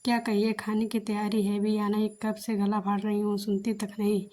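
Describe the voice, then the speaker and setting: A woman voicing a nagging, taunting older mother-in-law in a narrated story, speaking in a flat, level tone. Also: mid-range voice, moderate pace, lightly acted. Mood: scolding. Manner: sharp, taunting.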